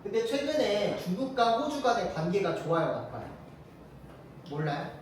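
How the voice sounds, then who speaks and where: A teacher giving a casual classroom lecture, firing quick rhetorical questions at the students. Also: mid-range voice, big pitch swings, slight background noise. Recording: very echoey room, mic far off.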